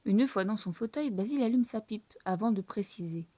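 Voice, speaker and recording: A woman reading a children's book aloud in French with lively, expressive storytelling. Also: mid-range voice, brisk, no echo. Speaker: storybook reader.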